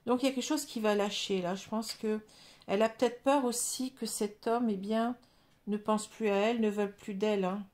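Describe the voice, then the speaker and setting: A woman's voice: mid-range voice, steady tone, brisk, a little mellow. A woman with a French accent giving a casual tarot reading to her viewers, hesitant and full of fillers, often checking that they follow her. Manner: hesitant, many fillers, addresses viewers directly. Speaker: tarot reader.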